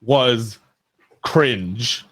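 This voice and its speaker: A man co-hosting a podcast in relaxed, enthusiastic chat, with casual swearing. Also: medium pitch, drawn-out words. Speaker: podcast co-host.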